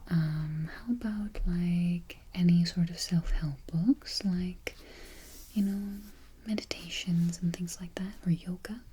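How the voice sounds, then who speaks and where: A woman in a whispered role-play as a friendly, patient librarian, speaking in a breathy library whisper with gentle, reassuring murmurs. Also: on the low side, steady tone, slow. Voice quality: whispered, breathy, soft-spoken. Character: friendly, patient small-town female librarian registering a patron. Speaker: ASMR performer. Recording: noisy close recording, keyboard clicking.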